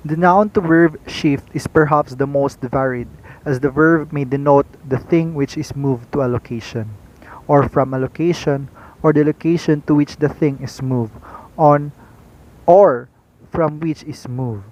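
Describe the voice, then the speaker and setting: A young man, a student reporter, reading a class lecture aloud in a careful, deliberate way. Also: fairly high pitch, a little mellow, poor audio.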